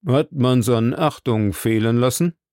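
A man voicing a slow, pompous older male judge in a storybook reading, speaking in a deliberate way. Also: mid-range voice, darkish tone, dry recording, clean studio sound, close to an everyday voice. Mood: officious. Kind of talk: audiobook character voice.

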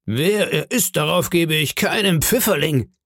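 Guy doing a booming cunning pirate innkeeper, hearty, gravelly and kinda high, storybook reading. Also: a little slow, no room sound, studio quality. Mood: blustering. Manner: hearty, booming, feigned indignation. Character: jovial one-legged pirate innkeeper, cunning man.

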